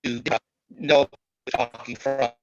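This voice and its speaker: A man speaking haltingly on a video call while his audio breaks up and cuts out. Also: mid-range voice, level tone, muffled recording, over music. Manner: halting, repeats words. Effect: call audio breaking up and cutting out. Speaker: committee member. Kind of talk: video call meeting discussion.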